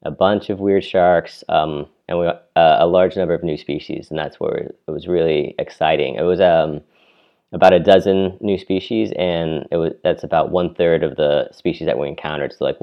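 Very deep-voiced man on dull audio. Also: moderate pace. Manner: relaxed, filler-heavy. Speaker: deep-sea shark researcher. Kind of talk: casual interview answers.

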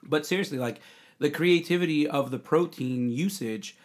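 A man's voice: fairly high pitch, normal speed. Podcast co-host, male, easygoing rambling talker. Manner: rambling, chatty, trailing off into restarts. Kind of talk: casual chat.

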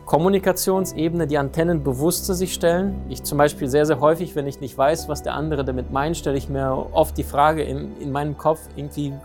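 A man giving a lively motivational talk on relationships, often asking his listeners questions. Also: a little high. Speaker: speaker on communication and relationships.

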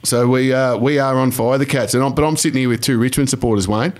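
A man's voice: mid-range voice, steady tone, fast talker. A man with an Australian accent co-hosting a radio show, joking and teasing in casual banter. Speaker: radio co-host.

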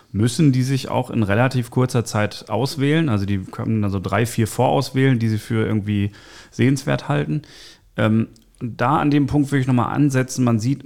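Gravelly-voiced man musing on football. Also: medium pitch, darkish tone. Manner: hesitant, loose restarts. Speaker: podcast co-host. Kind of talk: casual football chat.

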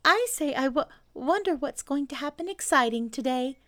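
A woman's voice: high-pitched, animated, normal speed, fairly bright tone, voice pushed up. A woman voicing a small, timid male piglet in a children's storybook, anxious and hesitant, with a slight stammer. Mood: shyly curious.

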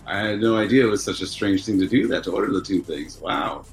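A man's voice: low-pitched, fast, soft background music, poor audio. A man co-hosting a casual talk show, asking easygoing questions with some hesitation. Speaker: co-host. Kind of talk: casual chat.

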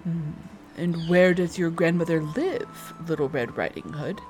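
A woman voicing a sly, hungry male wolf who talks low, slow and coaxing. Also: a little mellow, soft background music.

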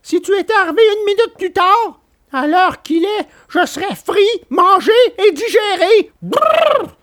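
A man voicing a small frightened wooden puppet boy in a storybook reading, with a shrill, trembling voice. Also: slow pace. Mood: shaken.

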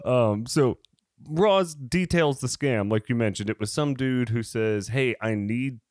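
A male podcast co-host recapping a sitcom episode in easy, casual chat. He jokes and laughs often while he talks. His mid-pitched voice sounds close and dry, with no room echo. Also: unhurried, a little mellow. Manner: laughs often, playful joking.

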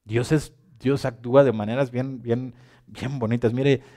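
A man preaching a sermon, reading scripture aloud and repeating phrases as he swings between quiet and loud passages. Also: medium pitch, steady tone, unhurried.

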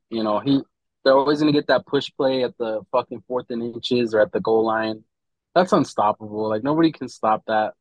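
A man's voice: medium pitch, no echo, poor audio. Dude giving his sports takes on a podcast, slangy bro talk, medium voice, no room sound. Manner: slangy, opinionated, says "bro" often. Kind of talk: casual sports chat.

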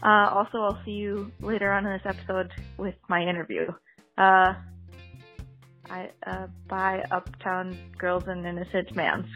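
Wanita penelepon bersuara cerah. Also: female voice, medium pitch, flat delivery, unhurried, a bit bright, lo-fi sound, soft background music. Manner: rambling, with many fillers. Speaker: caller and guest. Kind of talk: recorded call-in message.

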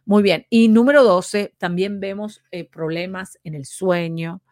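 A woman's voice: mid-range voice, steady tone, unhurried, darkish tone, dry recording, studio quality. A woman presenting a program, explaining a list of points patiently and often checking in with her listener. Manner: explains patiently, checks in with repeated "¿sí?", counts items aloud. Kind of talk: explanatory talk show lesson.

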